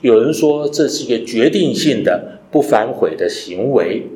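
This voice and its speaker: A man's voice: mid-range voice, expressive, moderate pace, mellow. A man preaching a sermon, teaching and asking his listeners rhetorical questions, mixing English phrases into his talk. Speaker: pastor. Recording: echoey room.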